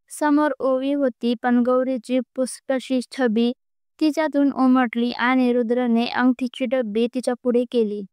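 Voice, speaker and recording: A woman reads a romance story aloud in a steady narrating voice. Her pitch sits high and barely moves, and the sound is crisp and dry, close to the mic. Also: no room sound. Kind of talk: scripted narration.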